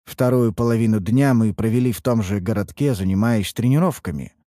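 A man reading a first-person fantasy audiobook in an expressive, wry manner. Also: on the low side, brisk, dry recording, clean studio sound. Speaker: audiobook narrator.

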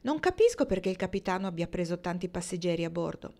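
Give me a woman voicing a calm, reasonable man, plain and level. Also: on the low side, fast talker. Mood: puzzled.

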